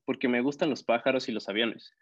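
A man's voice: medium pitch, fairly even intonation, brisk, natural voice. A man voicing a shy, formal little girl speaking matter-of-factly, in an audiobook story on a slightly dull recording. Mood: earnest.

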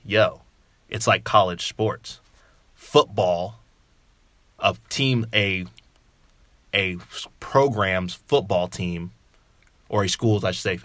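A man talks sports on a podcast, his voice a little low yet bright and forceful. He rambles and cuts himself off, joking as he goes. The sound is dry and close to the mic. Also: no echo. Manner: animated, rambling, self-interrupting, jokey. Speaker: podcast co-host. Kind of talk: casual sports chat.

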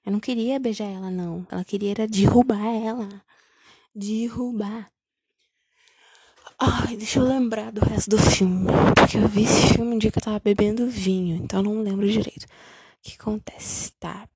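A woman's voice: mid-range voice, quick pace, hardly any pauses, husky. A young woman, sarcastically recapping a bad film in a casual vlog. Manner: sarcastic, incredulous, animated retelling. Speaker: vlogger reviewing a film.

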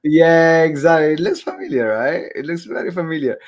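Male podcast host, Italian accent, conversational, lively emphasis. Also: fairly high pitch, fairly quick. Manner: animated, laughs easily, emphatic repetitions. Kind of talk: conversational interview.

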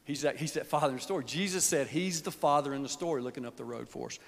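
A man preaching in a folksy, earnest way, his fairly high voice carrying a long reverb through a large church hall. He often sinks to a near whisper. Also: quick pace, vocal fry. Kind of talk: sermon.

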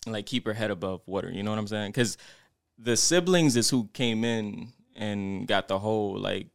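A man's voice: lowish voice, moderate pace, vocal fry, no room sound, clean studio sound. A young man co-hosting a podcast, telling a personal story in a reflective, rambling way with lots of fillers. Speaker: podcast co-host. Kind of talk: casual podcast chat.

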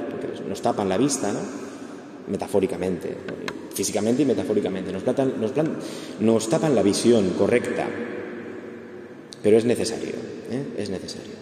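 A man's voice: on the low side, dark tone. A man giving an earnest, conversational talk to an audience, often checking in with short tags. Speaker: speaker giving a talk on grief. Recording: echoey hall, faint background noise.

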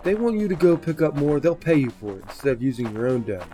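A man's voice: fairly high pitch, sing-song, fast talker, dark tone, faint music behind. A man voicing a blunt, sarcastic coworker with a dry, crude way of talking.

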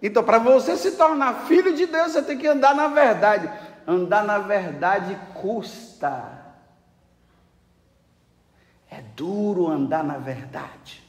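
Brazilian male preacher, high lively voice, sermon in an echoey church hall. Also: slow pace. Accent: Brazilian Portuguese. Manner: animated, acts out dialogues with rhetorical questions.

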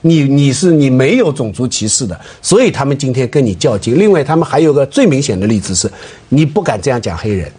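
Husky, argumentative male panel guest. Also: medium pitch, very animated, fast, warm tone. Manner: argumentative, cites statistics. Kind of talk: panel debate.

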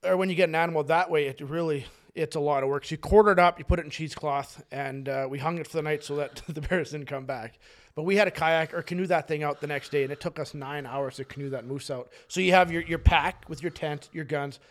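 A man co-hosting a podcast, telling a long story in casual chat, animated and rambling, swearing freely. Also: a little high, fast talker. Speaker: podcast co-host.

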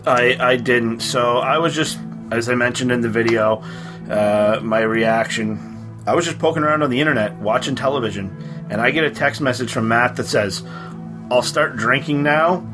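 Casual podcast co-host, man, chatty, easy laugh, mid-pitched voice. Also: normal speed, over music. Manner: chatty, laughs easily, many fillers. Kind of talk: casual chat.

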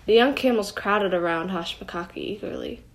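A middle-aged woman reads a children's picture book aloud in a gentle, expressive way. Her voice sits at an ordinary middle pitch for a woman. The style is a relaxed family read-aloud. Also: moderate pace, creaky. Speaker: storybook reader.

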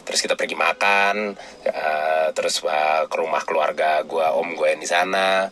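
A young man tells a personal story in loose, slangy chat. His voice sits low but has a bright edge. He jumps into the voices of the people in the story as he goes. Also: unhurried. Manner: animated, slangy, acts out quoted people.

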